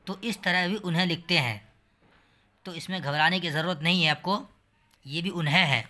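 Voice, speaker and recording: A man's voice: a little high, moderate pace, sharp tone. A man teaching a reading lesson, with an Urdu accent, spelling out each word letter by letter and vowel sign before reading it whole. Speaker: language teacher.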